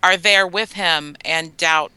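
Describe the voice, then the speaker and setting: A female podcast co-host in casual discussion, joking and quick to laugh. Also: fairly low pitch, sharp tone, clean tone, dry recording.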